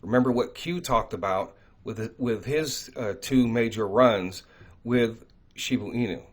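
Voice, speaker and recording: A man's voice: mid-range voice, measured pace. A man hosting an online talk, speaking conversationally with many fillers and frequent "right?" check-ins. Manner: reads quoted prophecies aloud. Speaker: crypto channel host. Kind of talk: casual talk to camera.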